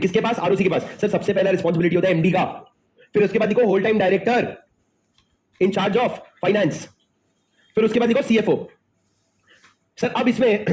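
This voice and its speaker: High-voiced man teaching an exam class. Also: quick pace, a little mellow, a little hiss or hum. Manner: quizzes students and answers himself; mixes Hindi and English. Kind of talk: exam-prep lecture.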